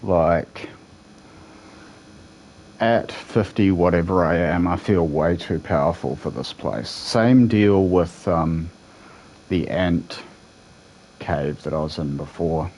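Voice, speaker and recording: With a low voice, slow delivery and plenty of pauses, a young man with a New Zealand accent rambles easily to live viewers while gaming from home, picking up chat between plays. A little hiss or hum runs under the audio.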